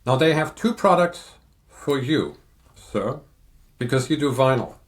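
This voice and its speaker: An older man in a casual podcast chat, explaining audio equipment in a measured, technical way. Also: medium pitch, animated. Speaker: audio reviewer guest.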